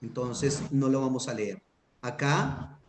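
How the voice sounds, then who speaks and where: Male teacher, mid pitch, patient and methodical, often asks if the class is following. Roomy, echoey sound. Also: slow pace, a little hiss or hum. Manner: patient, checks understanding with frequent "¿listo?". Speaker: Hebrew grammar teacher. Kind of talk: classroom grammar lesson.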